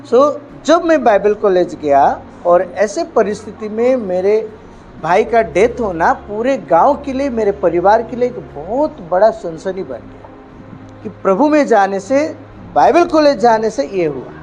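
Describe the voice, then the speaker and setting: Animated high-voiced Indian preacher. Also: male voice, measured pace, soft background music. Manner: emphatic preaching with frequent hallelujahs, swinging between loud and hushed. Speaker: pastor. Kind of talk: sermon.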